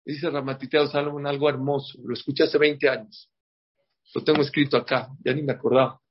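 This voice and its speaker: A husky, medium-pitched man speaks fairly quickly in a level tone while teaching a group a religious class ahead of a holiday. He's emphatic, repeats words and keeps checking in with "ok?" It's a dull lo-fi recording.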